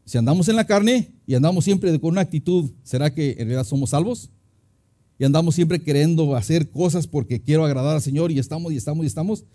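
A man's voice: on the high side, quick pace, warm tone. A middle-aged man preaching a sermon as a pastor, chatty and storytelling, acting out little scenes with many restarts. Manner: conversational preaching, acts out anecdotes, many restarts.

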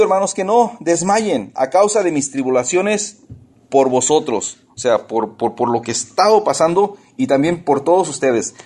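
A male pastor with a somewhat high voice gives a lively, conversational sermon. He speaks straight to the congregation and asks them rhetorical questions. Now and then he slips into the voices of people who complain.

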